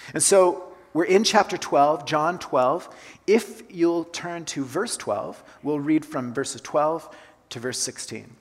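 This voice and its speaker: A man's voice: mid-range voice, slightly rough. Man preaching in a reverberant church. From Colombia. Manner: conversational, repeats key phrases for emphasis. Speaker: pastor. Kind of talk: sermon. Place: church sanctuary. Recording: long hall reverb.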